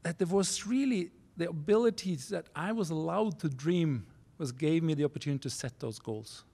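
A Norwegian man in his forties tells a personal story from a university auditorium podium. His voice sits a little high for a man, and his English is earnest and halting, full of restarts and non-native phrasing. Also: dark tone, slightly rough. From Norway. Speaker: keynote speaker. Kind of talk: storytelling keynote speech. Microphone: podium microphone.

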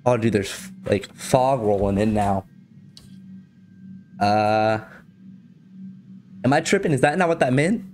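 A man's voice: on the low side, slow, pauses often, a little mellow, soft background music. Scared young man streaming a horror game. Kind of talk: gameplay commentary, casual and profane. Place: indoor home streaming setup. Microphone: close streaming mic, wearing headset.

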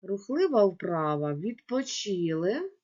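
A woman teaching young children in a video lesson, dictating words slowly syllable by syllable and speaking to the class directly. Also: mid-range voice, sing-song, a little mellow. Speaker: primary school teacher. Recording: dull lo-fi home recording.

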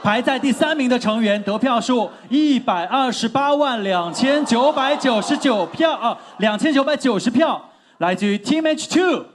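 A man announcing results on stage, projecting loudly and drawing names out. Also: very high voice, lively intonation, measured pace, a crowd in the background, background noise. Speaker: announcer of fan election results. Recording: very loud music behind.

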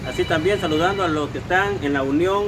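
A middle-aged man with a Salvadoran accent hosting his YouTube channel outdoors in front of a restaurant, formal and full of greetings, with frequent "eh" pauses. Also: fairly high pitch. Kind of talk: on-the-street vlog presentation. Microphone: lapel mic. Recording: outdoor street noise, mic somewhat distant. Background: traffic and street noise.

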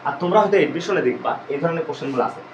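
A man's voice: a little high, animated, racing, roomy sound, slight background noise, low-quality recording. A man teaching an online grammar class, explaining step by step and repeating his questions to the students.

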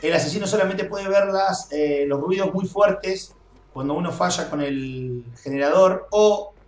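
A young man with a Rioplatense Spanish accent commentating a game, excitable, swearing, and screaming when chased. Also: high-pitched, measured pace. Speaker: gameplay streamer. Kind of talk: gaming commentary. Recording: echoey room, faint noise.

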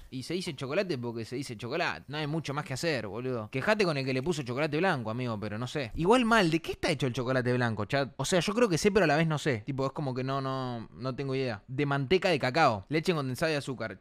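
A man's voice: mid-range voice, slight background noise. A young man with an Argentine accent, chatting casually and reacting on a stream, full of slang and asides to his chat. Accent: Argentine Spanish. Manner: slangy, animated, talks to chat.

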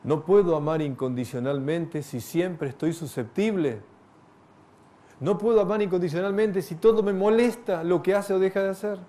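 A middle-aged man speaks in a mellow, slightly raised register. He gives a reflective spiritual talk and keeps his audience engaged with rhetorical questions and gentle humor. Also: sits high, moderate pace. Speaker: spiritual lecturer.

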